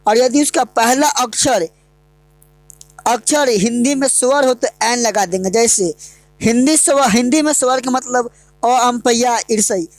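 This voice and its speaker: A woman's voice: on the high side, unhurried, dry recording. A woman teaching English grammar in an online lesson, asking the class questions and answering them herself.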